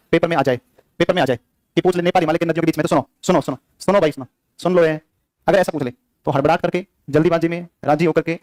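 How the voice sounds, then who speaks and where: A man's voice: fairly high pitch, a little mellow, dry recording, clean studio sound. A young man teaching an exam-prep geography class with a sore throat, drilling facts through repeated quiz questions. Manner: rapid, repetitive drilling with quiz questions to students.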